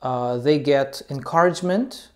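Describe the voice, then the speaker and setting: Speaking to camera in a relaxed way, a non-native English speaker who teaches English rambles about his work with plenty of ums and uhs. He has a mid-range voice and an unhurried pace.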